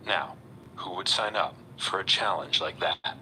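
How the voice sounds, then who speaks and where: A man giving wry, measured scripted documentary narration. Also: sits low. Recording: voice-over over loud music.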